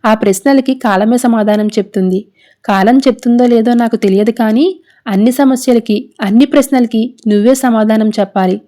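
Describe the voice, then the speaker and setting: Woman reading a sarcastic scheming rival girl, accusing, highish soft voice. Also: moderate pace, lightly acted. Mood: taunting. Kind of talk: serial recap narration.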